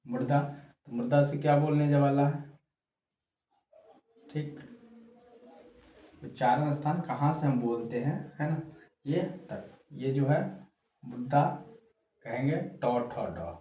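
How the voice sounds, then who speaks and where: A man with a Bihari Hindi accent giving a casual exam-prep lesson, repeating points slowly and checking in with the class. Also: medium pitch, warm tone, lo-fi sound. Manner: slow, repetitive, frequent "ठीक" check-ins. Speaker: teacher. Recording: roomy echo, faint background noise.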